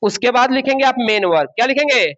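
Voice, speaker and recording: A man with an extremely high, sharp voice teaches a grammar lesson to a class at a brisk, expressive clip, quizzing students and repeating key words. He calls his students babu and beta. The recording sounds dull and lo-fi.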